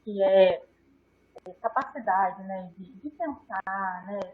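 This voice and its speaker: A woman's voice: medium pitch, slow, over a noisy crowd. A woman speaking as a guest doctor in an interview, explaining at length, often acting out what parents and teachers say and ending phrases with a questioning tag. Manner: animated, acts out quoted adults, frequent "né?" tags. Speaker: guest neuropediatrician. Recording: dull lo-fi sound.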